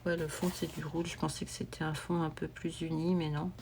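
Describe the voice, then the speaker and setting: A woman talks casually to her camera at home, wandering from thought to thought and filling the gaps with little hesitations. Her voice sits a bit low, and faint noise is under her. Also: level tone, brisk. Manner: rambling, meandering, with many fillers and restarts. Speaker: coloring vlogger.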